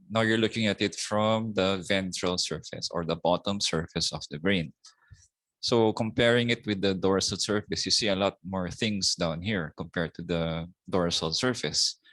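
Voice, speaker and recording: A middle-aged man with a Filipino accent giving a slow anatomy lecture, often ending points with a questioning "no?". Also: sits low, a bit bright, no echo. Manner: slow, repetitive teaching with tag "no?". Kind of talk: recorded lecture.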